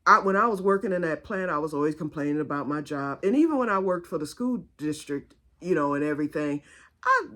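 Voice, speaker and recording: A woman's voice: deep voice, lively intonation, fairly quick, a bit bright. A woman vlogger chatting casually about her crochet project, drifting into family stories as she goes. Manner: rambling, digressive storytelling. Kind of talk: casual chat.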